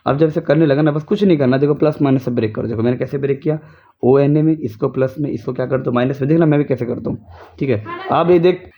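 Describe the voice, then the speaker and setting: A man's voice: medium pitch, fast talker. Young male tutor, casual home chemistry lesson, self-quizzing delivery, dull lo-fi sound. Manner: repetitive, drills students with rhetorical questions.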